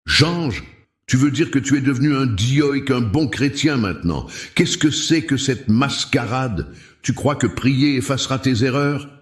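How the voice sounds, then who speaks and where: A man's voice: low-pitched, animated, moderate pace. A man voicing a sneering male former accomplice. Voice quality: sharp, mocking tone. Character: scornful male former occult companion. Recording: roomy echo.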